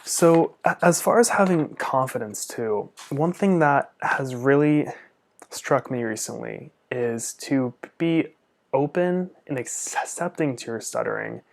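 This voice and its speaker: A young man who works as a speech-language pathologist answers viewer questions in a casual vlog, sounding earnest and open. He stutters often, with repeated sounds and blocks, and his mid-range voice is animated, measured in pace, and has vocal fry.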